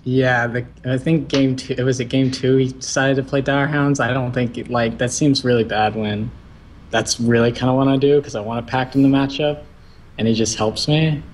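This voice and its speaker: A man's voice: medium pitch, fairly even intonation, moderate pace, a little hiss or hum. Hesitant young male card-game player. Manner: hesitant, fillers, modest. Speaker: tournament winner guest. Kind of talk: casual interview.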